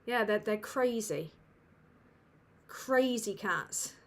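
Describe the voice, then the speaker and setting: Speaking extremely slowly, this British livestream host has a medium-pitched voice with lively intonation. She runs a casual Q&A from a dim room at home, rambling, swearing, and filling her speech with ums.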